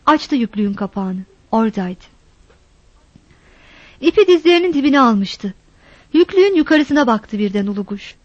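A woman reading a story aloud in a measured storytelling delivery, in a dull, dry recording. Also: on the high side, very animated, no room sound. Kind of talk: scripted narration.

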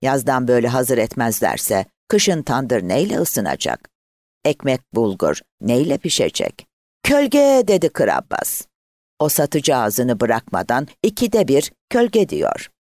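A man narrating an audiobook story in a slow, measured way. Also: mid-range voice, sing-song, no echo, studio quality.

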